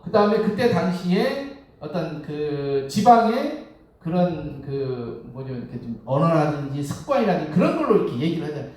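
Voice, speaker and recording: A man preaching a relaxed Sunday sermon, his voice fairly high and swinging widely in pitch as he quizzes the congregation and chuckles along the way. He is heard from a distance across a very echoey temple hall. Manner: conversational, asks the congregation questions, chuckles often. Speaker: Won Buddhist minister.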